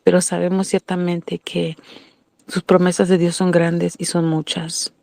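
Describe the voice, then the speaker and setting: A woman's voice: lowish voice, flat delivery, a little slow, gravelly, darkish tone, no room sound. A woman with a Mexican Spanish accent giving a sermon-style Bible lesson, earnest, asking questions and answering them herself. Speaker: Bible teacher.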